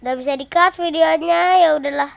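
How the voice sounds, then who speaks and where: A high, childlike voice with an Indonesian accent, coughing while giving casual, exclaiming gameplay commentary to viewers. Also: fairly even intonation, fairly quick, vocal fry, no room sound. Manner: coughing now and then. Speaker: gaming video host.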